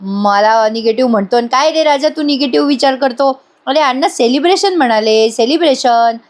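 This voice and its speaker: A woman plays a playful rustic sidekick who teases quickly and cheerfully. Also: sits high, lightly acted. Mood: teasing. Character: playful rustic young man, a joking sidekick.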